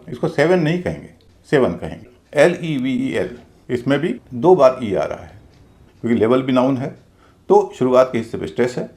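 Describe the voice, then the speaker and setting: A male teacher gives a methodical pronunciation lesson. His pitch rises and falls in a lively way as he stresses key sounds, and he spells out words letter by letter with patience. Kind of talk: classroom-style explanation.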